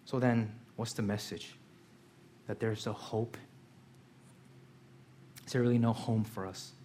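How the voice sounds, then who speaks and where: A man who grew up in Korea, preaching a sermon in an earnest way, moving between quiet reflection and emphatic questions. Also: on the low side, steady tone, a little slow, slight background noise. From South Korea. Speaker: pastor.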